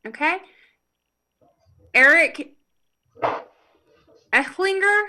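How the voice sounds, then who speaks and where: A woman with a high, bright voice works through a roll call over a video call. She reads each name slowly and with care, pausing to apologize when she stumbles. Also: expressive. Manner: slow, careful reading of names, with apologetic asides and laughs. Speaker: meeting roll-call reader.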